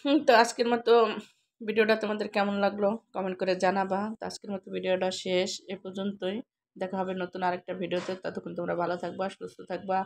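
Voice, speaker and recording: Her medium-pitched voice barely moves in pitch as she talks at a quick pace. A Bangladeshi-accented mother, she vlogs from home with a casual, colloquial cooking chat, partly in the kitchen as she fries. The recording is noisy and clicky.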